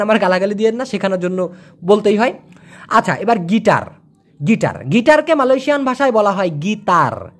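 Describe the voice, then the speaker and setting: A woman from Bangladesh gives a casual spoken language lesson, slowly repeating words again and again as pronunciation drills. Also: medium pitch. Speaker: language teacher.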